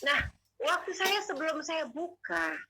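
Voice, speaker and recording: A woman telling her testimony as a guest, in animated, emotional, slangy conversational storytelling. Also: extremely high pitch, unhurried, a little hiss or hum, poor audio.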